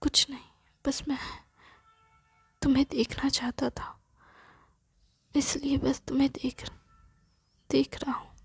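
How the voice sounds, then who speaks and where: A woman voicing a gentle, emotional young man in love, in a soft, hesitant whispered role-play. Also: high voice, flat delivery, slow, gravelly, pauses often, no echo, heavily acted. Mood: tender.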